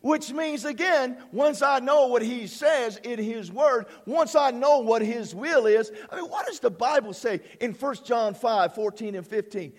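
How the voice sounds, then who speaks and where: A male pastor preaching with a high, widely swooping voice that rings with long reverb through a large hall. He calls on the congregation to answer, breaks into hallelujahs and rises to shouts at his peaks. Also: expressive, a little slow, hardly any pauses. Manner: exclamatory, punctuated with hallelujahs; asks the congregation to respond. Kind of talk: sermon.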